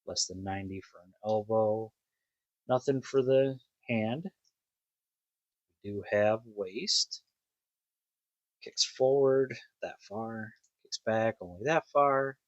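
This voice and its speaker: A man giving a casual, musing toy review, talking slowly with many ums and restarts, on a dull lo-fi home recording. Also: on the low side, dry recording.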